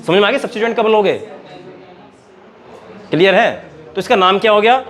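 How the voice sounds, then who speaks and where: High-voiced Indian chemistry teacher quizzing. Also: male voice, a little fast, crowd noise. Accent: Hindi-speaking Indian. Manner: keeps quizzing students, calls them beta. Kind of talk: classroom lecture at a board.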